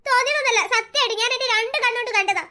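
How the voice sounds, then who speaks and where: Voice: very high voice, rapid-fire, sharp tone, pitched above the performer's own voice, exaggerated voice. A voice actor playing a frightened, tearful little cartoon girl telling her family what scared her. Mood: stubborn. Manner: whiny, tearful storytelling. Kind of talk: cartoon voice acting.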